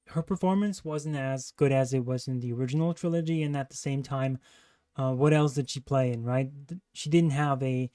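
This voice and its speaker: A man's voice: mid-range voice, dark tone, clean tone. A man hosting a livestream, giving casual, critical commentary as he reacts to a trailer. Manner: critical, disparaging.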